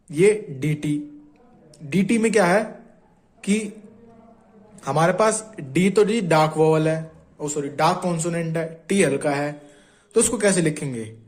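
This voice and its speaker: A man with a fairly high voice gives a shorthand lesson. He is patient and repetitive, saying each sound aloud as he draws the strokes and checking in with viewers as he goes. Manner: patient, repeats sounds aloud while writing; often checks in with "ठीक है". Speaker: shorthand teacher. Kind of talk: Hindi tutorial explaining strokes.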